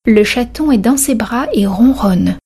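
A woman narrating a children's story in a slow, careful reading voice. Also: fairly high pitch, warm tone, slightly rough.

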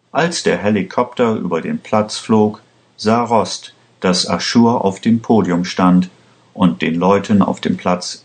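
A man narrating a story in a slow, measured reading for learners. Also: sits low, a little mellow. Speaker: audiobook narrator. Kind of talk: scripted narration.

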